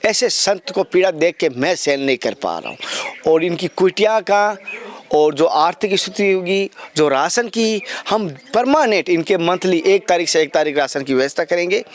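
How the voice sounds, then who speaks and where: A man's voice: sits high, animated, moderate pace. A man, a vlogger, speaking earnestly to his viewers and appealing to them. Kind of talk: addressing viewers.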